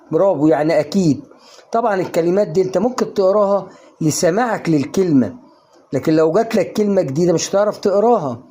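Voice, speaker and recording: A young man with an Egyptian Arabic accent, teaching English pronunciation online in an energetic, coaxing way that asks and answers its own questions. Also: sits high. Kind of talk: online lesson to viewers.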